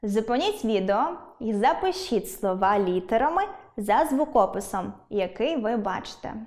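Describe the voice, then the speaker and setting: A woman teaching an online school language lesson, speaking clearly and deliberately and stressing her example words. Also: on the high side, animated, a little mellow.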